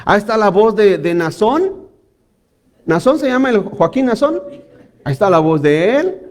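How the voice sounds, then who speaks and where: Man, very high voice, sermon, animated, addresses congregation. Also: normal speed. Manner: animated preaching with frequent audience prompts. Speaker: preacher.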